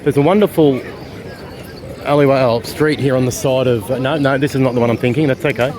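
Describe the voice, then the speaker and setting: A man's voice: mid-range voice, steady tone, fairly quick, a little mellow. A man from Australia with an Australian accent, chatting casually as he narrates a walking tour outdoors on city streets. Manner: chatty, rambling, with fillers. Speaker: travel vlogger. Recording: street noise behind.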